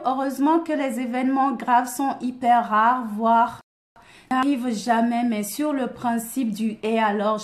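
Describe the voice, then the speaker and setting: Coaching through a casual live video, a woman with an African French accent chats with viewers by name, laughing and poking fun at herself. Her voice is high and a little mellow, with a roomy sound.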